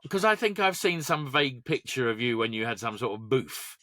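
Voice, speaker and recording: A man's voice: medium pitch, very animated, brisk, bright, forceful tone. A middle-aged man co-hosting a podcast, chatting casually and rambling through music trivia. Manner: rambling, digressive, trivia-heavy. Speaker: podcast co-host. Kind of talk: casual chat.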